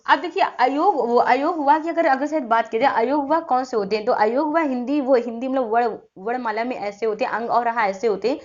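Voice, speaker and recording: A woman's voice: high-pitched, highs cut off. A woman teaching an exam-prep grammar lesson, asking questions and answering them herself, repeating key terms. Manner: repetitive, quizzing students and answering herself.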